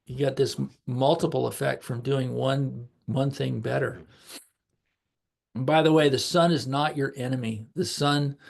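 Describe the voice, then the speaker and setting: A man's voice: mid-range voice, vocal fry. A middle-aged man giving an informal health lecture over a video call, speaking loosely with many ums and restarts. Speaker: health practitioner giving a talk.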